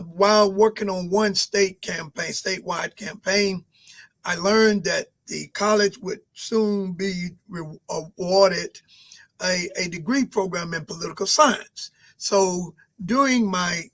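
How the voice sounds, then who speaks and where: A man in his sixties answering interview questions at a measured pace, with frequent pauses and fillers. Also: sits high, a bit bright. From Albany, Georgia. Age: 60s. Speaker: mayoral candidate guest.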